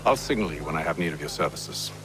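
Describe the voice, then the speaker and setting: A man playing a composed, commanding gentleman who leads a covert band in a video game, speaking in a measured, formal way. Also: extremely low pitch, animated. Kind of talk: video game dramatic acting. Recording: music under the voice.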